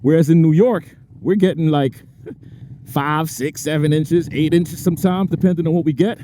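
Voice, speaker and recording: A man's voice: fairly high pitch, moderate pace, mellow. A man chatting casually to viewers while riding his motorcycle, laughing often and stretching out his stresses. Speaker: motorcycle vlogger. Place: on a motorcycle in traffic outdoors. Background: faint traffic and wind noise.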